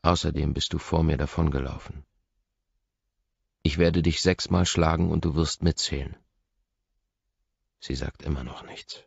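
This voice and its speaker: Very deep gravelly male reader. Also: dry recording. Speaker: audiobook reader. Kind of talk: first-person audiobook narration. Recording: dull lo-fi dry recording.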